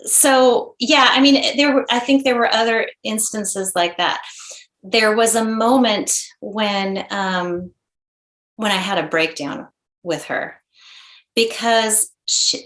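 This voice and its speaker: A woman in her forties, a mother and interview guest, telling a personal story in an earnest, halting way with many restarts. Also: mid-range voice, fairly bright tone. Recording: roomy echo.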